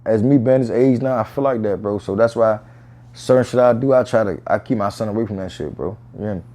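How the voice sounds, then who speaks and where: A man's voice: fairly low pitch, fast, warm tone. A man speaking candidly in an interview about his own life, in casual, profane street slang peppered with "bro" and "you know what I'm saying". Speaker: interview guest.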